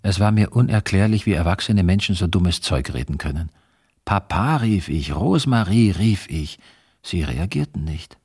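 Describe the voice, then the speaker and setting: A man's voice: low-pitched, moderate pace, darkish tone, husky. A man narrating a radio play in an earnest storytelling manner.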